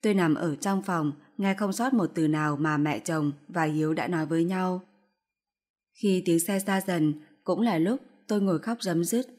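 A woman narrating a story in first person with a steady, expressive reading. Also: fairly low pitch, normal speed.

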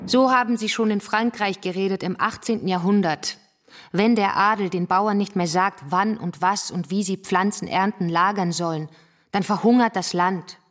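In a German radio drama, an actress with a mid-range voice plays a fervent, combative revolutionary woman defending the workers' councils. Speaking at normal speed and lightly acted, she argues in a scornful, insistent, didactic way in polemical debate dialogue.

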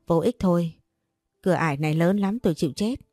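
A woman voicing a greedy, sly older male shaman who talks in a slow, knowing, wheedling way. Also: on the low side, mellow, dry recording, clean studio sound, faint music behind.

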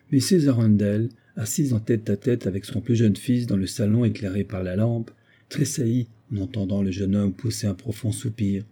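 A man reading a classic novel aloud in measured, steady audiobook narration. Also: on the low side, husky. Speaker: audiobook reader.

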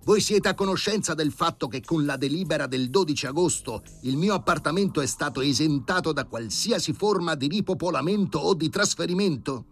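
A man's voice: fairly high pitch, lively intonation, a little hiss or hum, voice pushed up. A man doing a pompous, stern old professor. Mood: haughty, stern. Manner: grave, ironic, drawn-out emphasis. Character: pompous elderly male professor, stern and sardonic.

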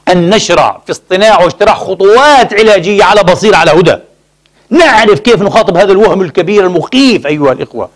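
Speaking in a high-pitched voice, this man preaches an emphatic Friday sermon, addressing the congregation as brothers, repeating phrases and throwing out one rhetorical question after another.

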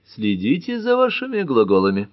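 A man doing a wry, calm amateur detective. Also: mid-range voice, moderate pace, dry recording, highs cut off, pitched above the performer's own voice. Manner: good-natured, wry, polite.

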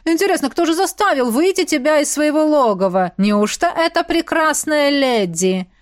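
A woman's voice: high-pitched, expressive, moderate pace, no echo, clean studio sound, voice pushed up. A woman doing a drawling, mocking male baron. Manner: drawling, teasing.

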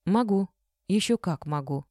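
A woman reading a cool, defiant young woman clerk who talks in brisk, curt, unbothered replies. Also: medium pitch, expressive, warm tone, dry recording, studio quality, natural voice. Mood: breezy.

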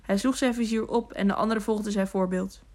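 A woman reads a storybook aloud in a calm, steady way. Her voice sits at a middle pitch, and her telling stays even and measured throughout. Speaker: audiobook narrator. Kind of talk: storybook narration.

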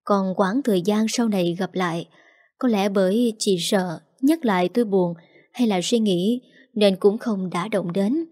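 A woman tells a first-person story aloud in a heartfelt, emotional way. Her voice is mellow and warm, never sharp. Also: medium pitch, unhurried. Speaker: narrator.

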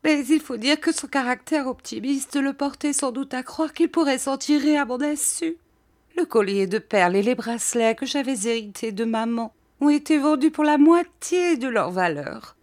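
A woman reading an audiobook, voicing a distraught, devoted middle-aged wife who declaims in a high, tearful voice. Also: sing-song, a little slow, a little mellow. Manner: declaiming, rising to cries.

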